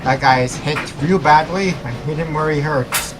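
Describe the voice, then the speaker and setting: A man's voice: fairly high pitch, moderate pace, background noise. A man giving live video game commentary as a streamer, talking to himself and slipping into pilot radio jargon.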